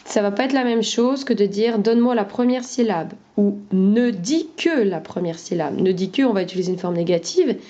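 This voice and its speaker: Woman teacher with a mellow, dull-sounding voice. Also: medium pitch, expressive, moderate pace, hardly any pauses. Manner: clear, methodical, demonstrating with hand gestures. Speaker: teacher explaining phonics games to parents. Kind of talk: explanatory lesson. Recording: dull lo-fi recording.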